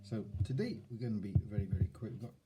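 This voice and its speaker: A man giving casual self-help advice, moving between soft murmurs and lively emphasis. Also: lowish voice, very fast, dull audio, very noisy. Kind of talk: casual instructional talk.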